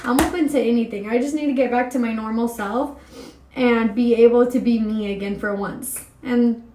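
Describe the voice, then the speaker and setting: A woman's voice: fairly high pitch, steady tone, moderate pace, mellow, roomy sound, a little hiss or hum. A young woman from California in a candid confessional vlog, talking openly and from the heart to her viewers. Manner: open, heartfelt, talks straight to viewers. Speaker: vlogger.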